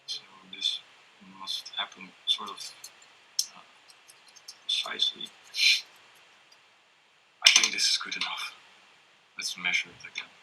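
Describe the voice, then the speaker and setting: A man explaining step by step how to prepare and solder a coil, talking hesitantly with many pauses and fillers. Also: low-pitched, completely flat delivery. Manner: hesitant, many ums and restarts, laughs often. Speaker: workshop presenter. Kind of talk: hands-on electronics demonstration. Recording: faint background noise and tool clicks.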